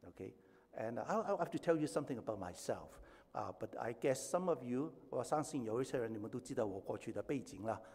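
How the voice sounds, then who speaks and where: Older guy from hong kong preaching, swings from loud emphatic bits to chatty asides, long echoey hall. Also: medium pitch, expressive, quick pace, breathy edge. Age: 70s. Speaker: pastor. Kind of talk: sermon.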